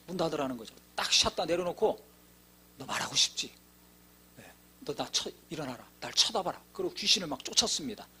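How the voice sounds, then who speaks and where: A man's voice: a little high, a bit bright, husky. A man preaching a sermon as pastor, telling a personal story with emphatic rises and acted-out dialogue. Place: church sanctuary.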